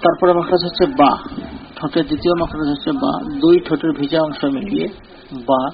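Man teaching slowly over a dull recording. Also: a little high, fairly even intonation, gravelly, a little hiss or hum. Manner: slow, deliberate explaining, repeating drilled syllables. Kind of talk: recorded lesson.

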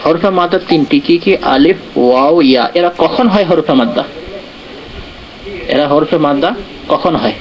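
A man's voice: a little high, moderate pace, long pauses. A man teaching Quran recitation in an online class, explaining patiently and checking in with his students often. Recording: muffled online call audio.

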